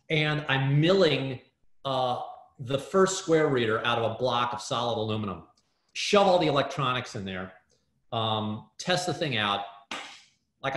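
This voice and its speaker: Man, interview guest, excitable storyteller, lots of fillers, video call, echoey room. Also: medium pitch. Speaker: guest, startup hardware builder. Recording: roomy echo.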